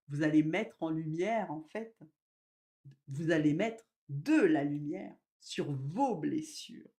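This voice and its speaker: In this live spiritual session, a medium with a deep female voice talks in a slow, gentle way. Now and then she bursts into loud emphasis, and at other moments her voice sinks soft.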